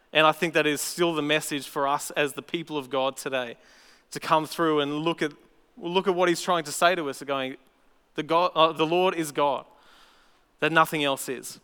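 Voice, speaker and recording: Male preacher, lively storyteller, bright tense voice, long church-hall reverb. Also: fairly high pitch, clear, resonant tone. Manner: animated storytelling with playful asides. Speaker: pastor. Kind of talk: sermon. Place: church auditorium.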